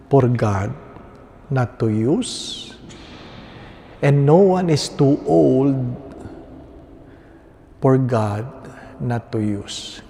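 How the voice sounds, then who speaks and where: A man with a Filipino accent speaking as a priest at Mass, solemn and deliberate, pausing between short phrases in a church with cathedral echo. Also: medium pitch, mellow. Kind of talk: solemn scripture reading and homily. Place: inside a large reverberant church.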